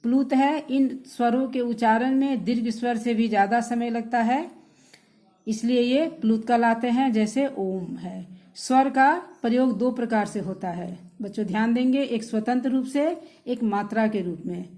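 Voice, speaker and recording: A woman's voice: a little high, normal speed, warm tone. A woman teacher giving a recorded grammar lesson to schoolchildren, patiently repeating definitions and speaking to the children directly.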